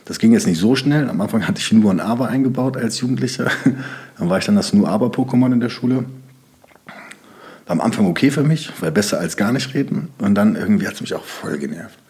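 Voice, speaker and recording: Brisk and animated, this young German man from Sauerland has a warm voice on the low side. Guesting on a podcast, he rambles casually through loosely built, filler-heavy sentences.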